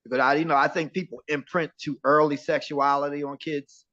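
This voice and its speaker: An older man reflects on fatherhood in halting phrases, often restarting his thought. His voice is a bit high, and the recording sounds dull and dry. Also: steady tone, sharp tone, no echo. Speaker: guest. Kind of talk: casual chat.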